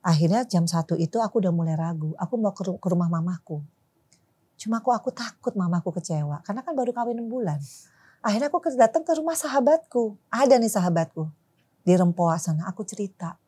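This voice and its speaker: Husky woman telling a story. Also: mid-range voice, fast talker. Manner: animated, acts out quarrels in quoted voices; colloquial, mixes in slang and English words. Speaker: interview guest. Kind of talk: casual interview storytelling.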